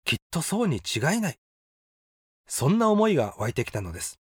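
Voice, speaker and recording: A man in his sixties calmly reading his own personal essay aloud in a measured, reflective way. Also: fairly high pitch, husky, dry recording. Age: 60s. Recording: dry close voice with faint background music.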